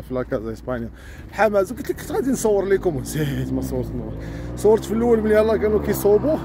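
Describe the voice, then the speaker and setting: A man with a Moroccan accent, chatting casually to his viewers as he walks along a cold, windy road. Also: on the high side. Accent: Moroccan Darija. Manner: chatty, talks to viewers while walking. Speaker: vlogger. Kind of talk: casual walking vlog. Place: outdoors on a country road in the cold wind.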